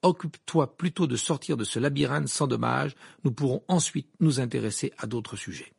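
A man voicing a protective grown man writing earnest advice to his godson, with a husky, gravelly voice. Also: medium pitch, moderate pace, no room sound, clean studio sound, pitched above the performer's own voice. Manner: earnest, advising.

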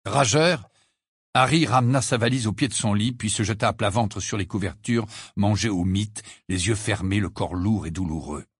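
A man narrating an audiobook in an expressive reading voice that softens on quiet passages. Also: on the low side, normal speed, breathy edge, no room sound, clean studio sound. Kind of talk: scripted narration.

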